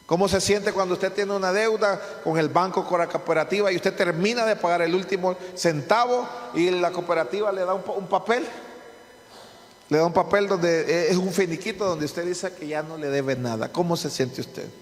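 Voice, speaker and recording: High-voiced pastor preaching. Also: male voice, normal speed. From Honduras. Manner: preaching with rhetorical questions and repetition; frequent restarts and stumbles. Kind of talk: sermon. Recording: long reverb of a hall.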